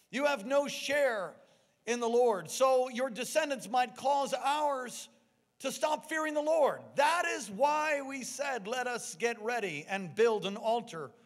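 An American man preaching a sermon to a congregation. He reads scripture, prays, and repeats key words back as questions to the crowd. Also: very high-pitched. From United States. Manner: emphatic preaching, repeats lines and quizzes the congregation. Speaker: pastor. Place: church sanctuary. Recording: reverberant church hall.

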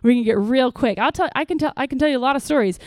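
Lively high-voiced woman pastor. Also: racing, no echo. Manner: lively storytelling, acts out quotes with bursts; earnest, preachy asides of praise. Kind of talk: parent workshop talk.

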